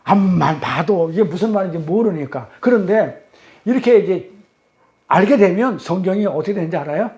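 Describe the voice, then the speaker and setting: A man's voice: high voice, animated, moderate pace, darkish tone. A man leading a Bible study class, quizzing his listeners with rhetorical questions in an emphatic, repetitive teaching cadence.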